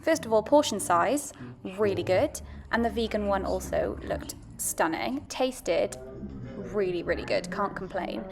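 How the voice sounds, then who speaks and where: A woman's voice: medium pitch, lively intonation, measured pace, over music. A woman giving a casual, chatty, understated voice-over review as a food and travel vlogger.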